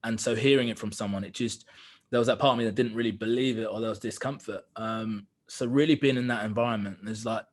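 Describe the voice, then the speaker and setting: A man's voice: lowish voice, steady tone, quick pace. Young man, podcast guest, reflective storytelling, candid, earnest, frequent fillers.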